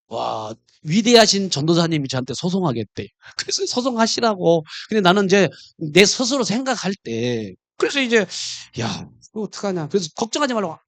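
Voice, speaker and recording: A middle-aged man preaches from the pulpit, turning a personal story into lively acted-out dialogue. His voice rises and falls across a wide pitch range. The sound is close and dry, with no room echo. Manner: animated storytelling, acting out quoted dialogue. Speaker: pastor.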